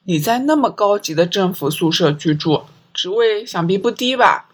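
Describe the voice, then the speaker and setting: A woman's voice: mid-range voice, lively intonation, moderate pace, lightly acted. A woman reading an audiobook, voicing a cunning male kidnapper who makes cold, threatening demands.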